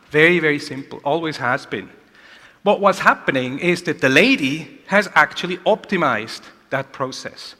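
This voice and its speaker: A man delivers an energetic conference keynote and keeps asking the audience rhetorical questions. His voice sits fairly high and sounds bright and forceful. A long reverb from the large hall trails each phrase. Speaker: keynote speaker.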